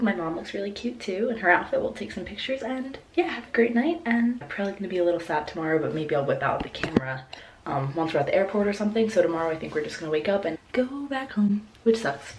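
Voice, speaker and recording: A woman's voice: medium pitch, slight background noise. A young woman from Pennsylvania chatting casually to camera in her vlog, gushing and filling her talk with "like". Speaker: vlogger.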